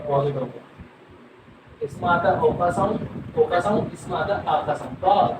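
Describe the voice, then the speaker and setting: Indian male teacher, high voice, animated and full of questions, echoey classroom. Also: fairly quick, distant mic, background noise. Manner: animated, drills words and asks students questions. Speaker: English teacher. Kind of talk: classroom teaching, mixing Hindi and English.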